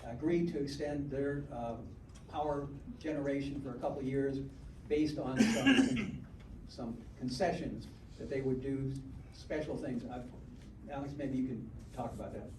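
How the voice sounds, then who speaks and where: At a homeowners meeting, a man takes audience questions, his medium-pitched voice a little slow and informative, with lots of uh and um. The community meeting hall recording is echoey, distant and noisy.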